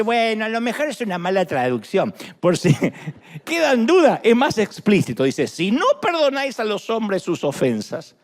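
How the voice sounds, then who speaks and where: A middle-aged Argentine man preaching a sermon, animated and full of playful jokes. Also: sits high. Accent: Argentine Spanish. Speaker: pastor.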